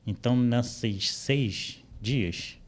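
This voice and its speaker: A man speaking Brazilian Portuguese, a guest interpreter on a podcast, explaining things in a relaxed way with frequent fillers, recorded on a studio microphone. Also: medium pitch, very slow. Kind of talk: casual interview chat. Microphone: studio microphone with headphones.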